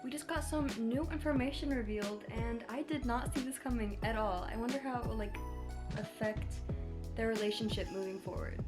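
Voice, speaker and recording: A woman's voice: on the high side, brisk, loud music behind the voice. Chatty young woman gushing about books. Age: young adult. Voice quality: slight lisp from a retainer. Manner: gushing, chatty, lots of fillers. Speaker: book vlogger. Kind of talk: casual reading vlog.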